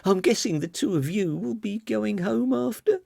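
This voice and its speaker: A man reading an audiobook, voicing a flustered, brisk grown daughter. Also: mid-range voice, lively intonation, creaky, dark tone, dry recording, studio quality, voice pushed up. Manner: flustered and hurried.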